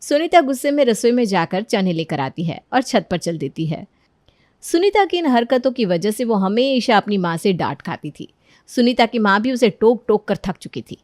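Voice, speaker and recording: A woman narrating a children's cartoon story in a clear storytelling manner. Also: mid-range voice, sing-song, normal speed, darkish tone, no echo, studio quality.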